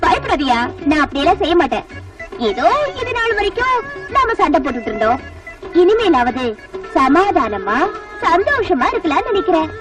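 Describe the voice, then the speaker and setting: A bold young heroine, teasing and forthright, her voice very high and lively. She sounds distant on a film soundtrack, with music underneath. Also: moderate pace. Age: young adult. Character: bold, rich, educated young village woman. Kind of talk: Tamil film dialogue.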